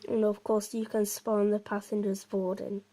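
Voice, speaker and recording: A woman with a warm, medium-pitched voice presents a game walkthrough at a moderate pace and level tone. Her casual commentary is informal, meandering and slightly hesitant.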